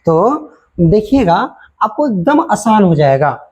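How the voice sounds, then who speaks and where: Male teacher, husky tone, patient explanatory delivery to students. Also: high-pitched, big pitch swings, slow pace, a little mellow. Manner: explanatory, addresses students directly. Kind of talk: classroom lesson explanation.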